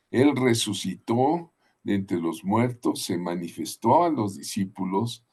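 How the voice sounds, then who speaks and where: A man giving a Bible class, unhurried and often adding tag questions. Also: fairly low pitch, darkish tone. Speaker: Bible teacher.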